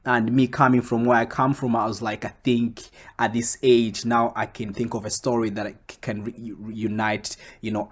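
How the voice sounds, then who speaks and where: A young man from Congo, a comic book creator, answering interview questions in a casual, animated way that jumps up when he quotes himself. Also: mid-range voice.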